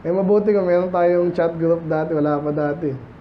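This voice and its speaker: A Filipino-accented man preaches in a relaxed, conversational way, slowing down when he reads scripture. His voice sits high for a man. The church recording sounds dull and lo-fi, with a faint hiss underneath. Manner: conversational preaching, mixing Tagalog and English, quoting scripture slowly. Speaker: pastor. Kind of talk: sermon.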